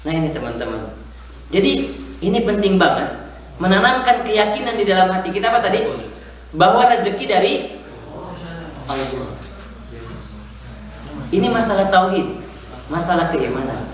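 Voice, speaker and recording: A man's voice: sits high, lively intonation, moderate pace, long pauses, crowd noise. A man preaching a casual sermon in a mosque, joking and quizzing the congregation. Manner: chatty, jokes and quizzes the congregation. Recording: very echoey room, far from the mic.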